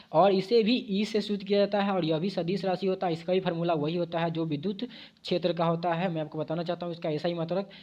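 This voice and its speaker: High-voiced man teaching physics. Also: a little mellow, muffled recording. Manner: repeats key points as questions to the viewers; explains at a board with self-corrections. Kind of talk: exam-prep physics lesson.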